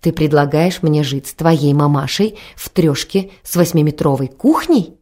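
A woman voicing a spoiled young wife who is shrill, demanding and tearful. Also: normal speed, dark tone. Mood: shrill, indignant. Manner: shrill, indignant, tearful pleading.

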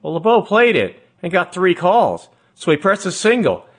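A man hosting a radio oldies show, telling music history in scripted narration with a measured storytelling delivery. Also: high-pitched, big pitch swings, slightly rough.

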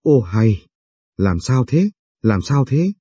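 A fretful young country wife, as a man puts her on in a storybook reading, firing off worried questions. The voice is lifted in pitch but stays mellow and husky, recorded close and dry. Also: sing-song, slow pace, no room sound, full character voice.

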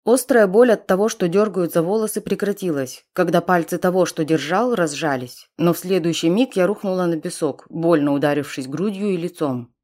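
Low-voiced woman reading an audiobook. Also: normal speed, hardly any pauses, a little mellow. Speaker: audiobook narrator. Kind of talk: first-person audiobook narration.

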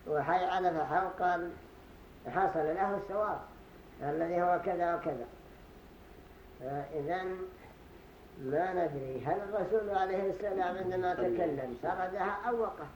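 A sheikh teaches his study circle in a high, raised voice, moving deliberately through each point and repeating phrases to demonstrate their pronunciation. The recording is roomy and echoey, with a faint hiss underneath. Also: dull audio. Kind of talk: religious lesson commentary. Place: study gathering in a mosque hall.

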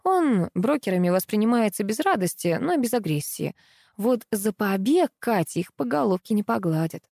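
A woman reading a first-person audiobook in a lively, ironic storytelling manner. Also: mid-range voice, moderate pace, vocal fry, dry recording, clean studio sound. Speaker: audiobook narrator.

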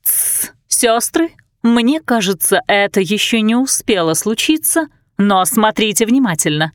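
A woman voicing a scheming eldest witch sister who speaks slowly and intensely. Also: medium pitch, expressive, no room sound, clean studio sound, lightly acted. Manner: slow, intense incantation.

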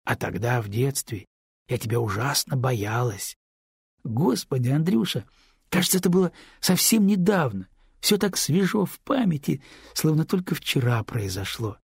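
A man's voice: animated, moderate pace, creaky, darkish tone, slightly rough, no room sound, studio quality, full character voice. A man reading an audiobook, voicing a woman who is an old, caring friend, in a raised, anxious and questioning voice. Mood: nostalgic. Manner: rises in pitch, exclaims and questions.

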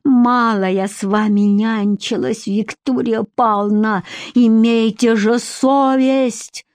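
A woman reading as a bossy female personal assistant who scolds and shouts when angry. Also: a little high, animated, a little slow, dry recording, clean studio sound. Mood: indignant.

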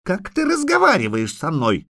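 A man voicing a frightened, haughty little girl who claims to be a princess, shrill and sniffling as she orders people about. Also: huge pitch swings, normal speed, fairly bright tone, exaggerated voice. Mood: indignant.

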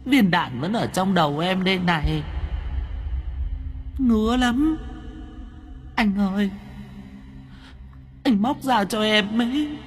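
A man voicing the pleading ghost of a young woman in an audio story, in a high, whining voice. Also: expressive, takes it slowly, long pauses, a little hiss or hum. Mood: eerie pleading.

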